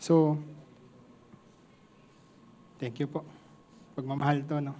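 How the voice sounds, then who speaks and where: A Filipino man delivers a sermon at a slow, deliberate pace. His voice sits a bit higher than most men's, and he slips between two languages while joking with the congregation. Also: little pitch movement, warm tone. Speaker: preacher.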